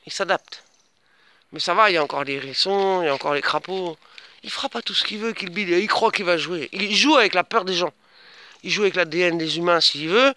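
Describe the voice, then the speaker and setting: High, gravelly man rambling outdoors. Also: sharp tone, dry recording. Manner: rambling, defiant, addresses viewers familiarly; coos at pets in a much higher voice. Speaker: vlogger touring his rural land. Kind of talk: casual rambling walk-and-talk vlog. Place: outdoors on a rural property.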